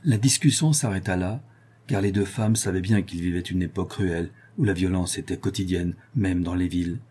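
A man reading a historical novel aloud in a steady, measured way. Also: low-pitched, slightly rough. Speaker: audiobook narrator. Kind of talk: scripted narration of a historical novel.

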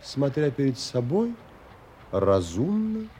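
An actor voices a wistful romantic, narrating the man's longings as in a literary audio play, measured, contemplative and expressive. The medium-pitched voice sounds absorbed and reflective, with a little hiss or hum on the recording.

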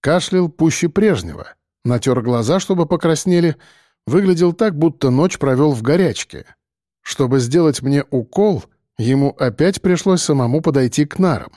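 A man narrates a first-person story with steady, tense delivery. His voice sits a little high. The recording is dry and close, with no room sound. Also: moderate pace, no room sound. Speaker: audiobook narrator.

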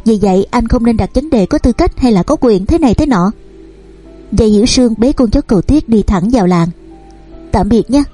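A woman narrating a romance novel and reading every character's lines in her own voice, over soft background music. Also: a little high, animated, fairly quick, slightly rough. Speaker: audiobook narrator. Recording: dry close recording with soft music underneath.

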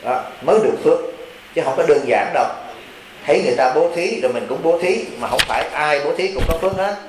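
A Buddhist monk preaches in a folksy, teasing way and keeps checking in with his audience. His voice sits a little high for a man. The sermon echoes through a roomy hall over a faint hiss. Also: animated, fast. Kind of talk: sermon to a retreat.

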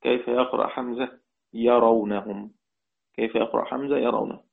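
A man's voice: mid-range voice, moderate pace. Egyptian man teaching in tinny audio. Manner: explains step by step, asks the class questions and repeats key phrases. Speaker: Quran recitation teacher. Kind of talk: lecture on Quranic readings.

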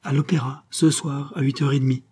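Sentimental fake countess coaxing her lover, man reading her, dark husky voice, storybook. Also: mid-range voice, level tone, brisk, pitched above the performer's own voice, close to an everyday voice.

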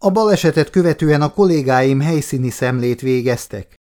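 A man's voice: mid-range voice, animated, dark tone, voice pushed up, close to an everyday voice. A man doing a solemn police officer. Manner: formal, measured, official. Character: middle-aged male police lieutenant colonel, formal and solemn. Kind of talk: audiobook character voice.

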